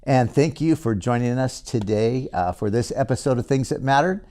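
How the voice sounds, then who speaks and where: A man hosting as a pastor, relaxed and understated, with dry humor in casual conversation. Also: medium pitch, moderate pace. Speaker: pastor and show host. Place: studio.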